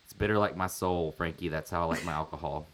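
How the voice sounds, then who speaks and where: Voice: deep voice, fast. A podcast co-host who tends bar, talking in a blunt, sarcastic way and swearing freely. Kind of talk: casual podcast chat.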